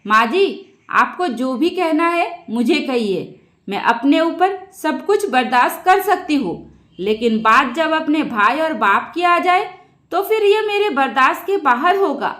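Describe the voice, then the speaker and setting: A woman's voice: sits high, very animated, measured pace, a bit bright, heavily acted. A woman voicing a defiant young daughter-in-law who scolds in an angry outburst. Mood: furious.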